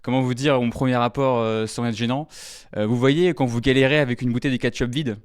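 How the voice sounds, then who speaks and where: Stammering young comedian doing stand-up. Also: male voice, medium pitch, steady tone, clear, resonant tone, dry recording, clean studio sound. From rural France. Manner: talks fast, stammers and hesitates with many fillers. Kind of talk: live stand-up routine. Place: live comedy stage with audience.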